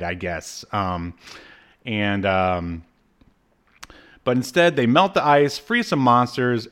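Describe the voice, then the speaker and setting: A man's voice: lowish voice, fairly bright tone, clean tone. A man co-hosting a podcast, recapping a cartoon episode in casual chat, rambling with many fillers and frequent laughs. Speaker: podcast co-host.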